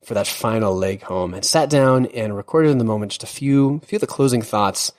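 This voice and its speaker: Low-voiced man narrating a podcast. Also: brisk. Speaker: podcast host. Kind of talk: conversational scripted narration.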